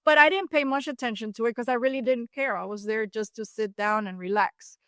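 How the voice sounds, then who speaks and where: A woman in her fifties from Cuba, telling a personal story as a podcast guest with animated asides. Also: fairly high pitch, fairly quick, dry recording, clean studio sound. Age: 50s. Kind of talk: storytelling in an interview.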